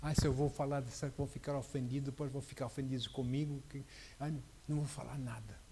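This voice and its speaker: A man voicing a timid person who is afraid to give offense, speaking softly and hesitantly. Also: medium pitch, steady tone, fast talker, a little hiss or hum, lightly acted. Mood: fretful.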